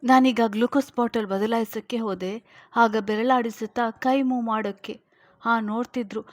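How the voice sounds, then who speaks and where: A woman's voice: a little high, fairly even intonation, dry recording, clean studio sound, natural voice. A woman voicing a dutiful young nurse hurrying to report to the doctor in a storybook reading. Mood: urgent. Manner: hurried reporting.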